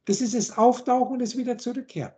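A woman's voice: a little high, steady tone, quick pace, warm tone. A woman on a video call, teaching in a lecturing way and listing word after word with their meanings. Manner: lecturing, lists words and meanings in long chains. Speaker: teacher explaining word roots.

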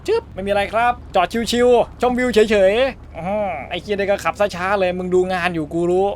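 High-pitched guy doing crude let's-play commentary, cussing nonstop, voicing the game lines himself. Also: brisk, slight background noise. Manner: crude, joking, heavy swearing; dubs game dialogue in his own voice. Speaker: gaming YouTuber.

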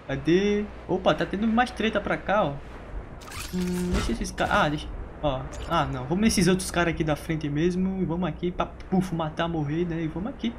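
A Brazilian man casually commenting on his own gameplay, playful and quick to laugh as he teases opponents. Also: high voice, background noise. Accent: Brazilian Portuguese. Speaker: gaming streamer.

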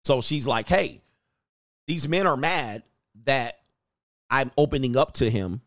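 A man's voice: mid-range voice, animated, a little slow, no echo, clean studio sound. A man hosting a casual reaction show, telling jokes in slang, acting out quotes and laughing often. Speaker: commentary channel host.

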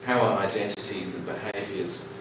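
A middle-aged man giving a conference keynote from a podium in a large lecture hall, talking in a measured, reflective way with occasional ums and restarts. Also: lowish voice, fairly even intonation. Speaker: keynote speaker. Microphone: podium mic, recorded by far camera. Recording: echoey hall from far off, loud noise.

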